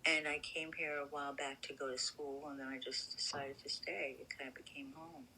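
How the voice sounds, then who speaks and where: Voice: medium pitch, expressive, fairly quick, vocal fry, bright, forceful tone, slight background noise. An older person in their seventies from the New York area with a faint New York accent, chatting casually on a phone call in a rambling, amused way. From New York City area. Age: 70s. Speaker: caller.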